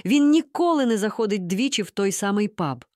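A woman voicing an excitable, indignant mother in a read-aloud story, exclaiming in a high, scandalized tone. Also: brisk, no room sound, clean studio sound, close to an everyday voice. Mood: amazed. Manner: exclaiming, scandalized, breathless whisper-hiss.

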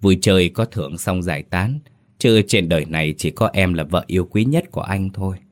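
A cheating husband sweet-talks his wife in a low, placating voice, as a storyteller plays him. He sounds deep and soothing, trying to win her back. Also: a little fast, close to an everyday voice. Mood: coaxing. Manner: coaxing, placating. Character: cheating husband, adult man, wheedling.

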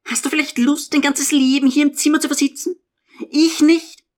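A man voicing a stern, unrelenting young woman, the elder daughter, in an audiobook reading; sharp, cold and insistent. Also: very high-pitched, level tone, moderate pace, voice pushed up.

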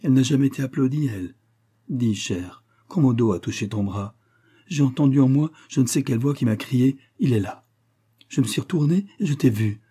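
A man's voice: medium pitch, animated, a little fast, warm tone, breathy edge. A man voicing a young woman in love, reading her lines with impassioned, breathless devotion in an audiobook. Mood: ardent.

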